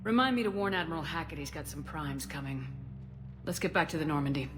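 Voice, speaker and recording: A woman's voice: sits low, quick pace, long reverb tail, close to an everyday voice. A woman playing a composed, commanding military space commander in a video game, direct and assured with a wry edge. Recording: clear background ambience noise.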